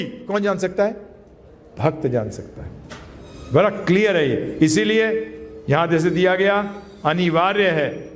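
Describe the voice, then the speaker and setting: A man's voice: sits high, big-room sound, a little hiss or hum. A man giving a spiritual lecture to a class, emphatic, putting questions to his listeners and mixing English phrases into his talk. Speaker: spiritual teacher. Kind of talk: Gita lecture to a live class.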